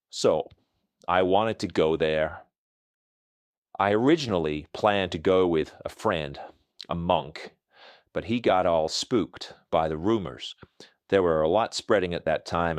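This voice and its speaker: A male journalist with an electronically disguised voice, answering interview questions in a halting, plain telling. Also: low-pitched, no echo. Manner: halting, plain storytelling with pauses.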